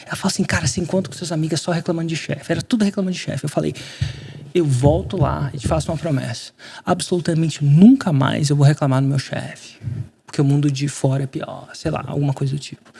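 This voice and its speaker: On a podcast, a Brazilian guest spins a story with plenty of slang and energy, performing the quotes himself in a casual chat. His voice is on the high side, gravelly and slightly rough.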